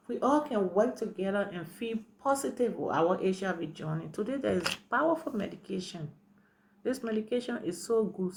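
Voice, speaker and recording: A woman's voice: mid-range voice, vocal fry, background noise. A woman in her forties from Liberia with a Liberian accent, earnestly telling her own story and often repeating herself with "you know" and "right". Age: 40s. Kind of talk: personal testimony to camera.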